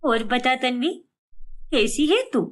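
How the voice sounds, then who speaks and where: A woman's voice: sits high, takes it slowly. A woman voicing a chatty, bossy older sister who pushes her opinions. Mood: pushy. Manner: chatty, pushy.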